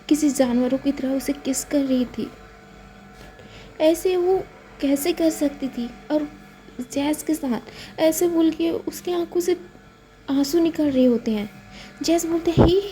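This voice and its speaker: A woman's voice: sits high, dark tone, a little hiss or hum, low-quality recording. A woman with an Indian accent casually narrating a romance story, repeating fillers as she goes. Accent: Hindi-speaking Indian. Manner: repetitive, filler-laden retelling.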